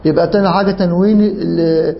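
A man with an Egyptian accent teaching an Arabic grammar lesson, animated and joking, often quizzing his students. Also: high-pitched, a little fast, gravelly, highs cut off, slight background noise. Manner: animated, jokey, asks the class questions. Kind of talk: lively classroom grammar lesson.

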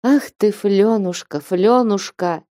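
A woman reading an audiobook and voicing an elderly abbess who speaks in a slow, grave, measured way. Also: on the low side, expressive, warm tone, no echo, clean studio sound. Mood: tender. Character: stern but loving elderly abbess.

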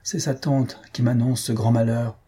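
A man voicing an irritable, easily angered middle-aged father in an audiobook, with a husky, dark voice. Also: medium pitch, level tone, normal speed, close to an everyday voice. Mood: agitated. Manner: gruff, agitated.

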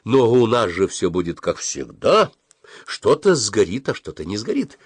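A man voicing an anxious, scolding mother in an audiobook, pressing and shrill. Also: big pitch swings, measured pace, breathy edge, dry recording, full character voice. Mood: worried scolding. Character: anxious, scolding mother, middle-aged woman. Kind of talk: audiobook character reading.

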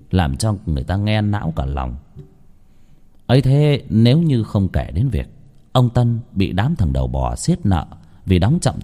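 Male ghost-story narrator, lower voice, mellow tone, very lively delivery.

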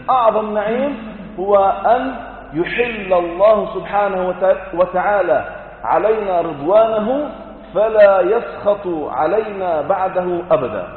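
A male preacher delivers a sermon in a high voice. He explains points in colloquial asides and asks rhetorical questions. The sound is thin and phone-like, with long reverb from a large hall. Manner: chants Quran verses slowly. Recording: echoey hall over a tinny lo-fi line.

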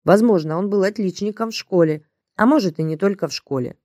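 A woman narrating an audiobook in the first person, with even, measured storytelling. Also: mid-range voice, no echo, studio quality.

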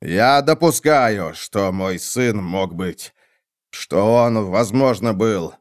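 A man voicing a proud, grieving nobleman in an audiobook, declaiming loudly and slowly. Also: on the low side, smooth, close to an everyday voice. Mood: angry. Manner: loud, slow, declaiming.

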